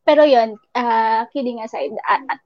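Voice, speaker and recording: High-voiced woman venting. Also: moderate pace, dry recording, highs cut off. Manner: venting, mixes English into Filipino. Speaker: radio host. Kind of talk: casual chat.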